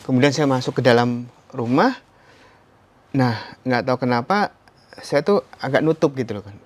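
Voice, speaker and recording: A man telling his story as an interview guest, animated, often breaking into sudden high exclamations and ending phrases with a polite "Mas". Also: normal speed. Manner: tags sentences with "Mas". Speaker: interview guest, stroke survivor.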